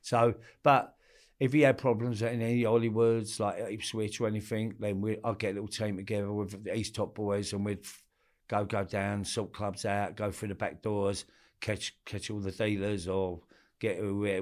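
A man's voice: fairly low pitch, level tone, normal speed, darkish tone. A middle-aged man with an Essex and East London accent, talking casually as an interview guest, blunt, slangy and sweary as he tells stories. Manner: blunt, slangy and sweary, with repeated tag questions. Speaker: interview guest recalling his past in club door security. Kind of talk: casual conversational storytelling.

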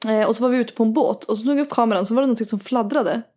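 A young woman co-hosting a casual podcast, her voice sitting a little high. She tells stories with lots of animation and giggles through them. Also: mellow. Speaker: podcast co-host. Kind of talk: casual chat.

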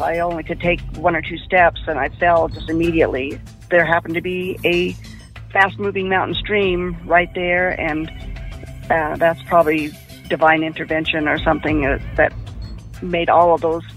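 A woman giving personal testimony about an attack she survived, in a quiet, halting way. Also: on the low side. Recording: muffled lo-fi with faint music.

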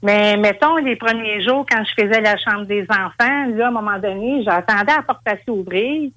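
A woman's voice: mid-range voice, normal speed, fairly bright tone, no room sound. A woman with a Québécois French accent calling in to a radio show, telling her own story earnestly. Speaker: caller. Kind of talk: phone-in storytelling.

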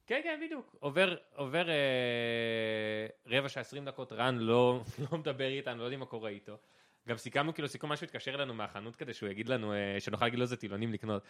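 A young man co-hosting a podcast, telling a story in a casual, animated way and laughing often. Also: medium pitch. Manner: animated, laughing storyteller, shouting quoted lines. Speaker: podcast co-host.

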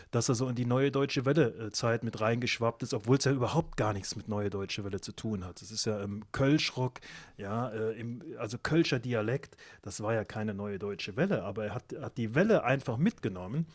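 Man, co-host, mid pitch, explanatory, casual, frequent fillers. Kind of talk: casual chat.

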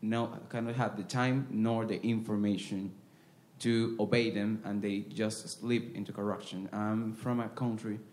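A man from Venezuela with a fairly low voice, asking a question from the audience. He talks haltingly, restarting his sentences often. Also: fairly even intonation, darkish tone. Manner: hesitant, many "uh" restarts.

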